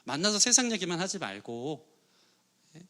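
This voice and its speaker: A man's voice: high-pitched, big pitch swings, moderate pace, sharp tone. A middle-aged man preaching a sermon as pastor, earnestly putting questions to his congregation. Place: church sanctuary.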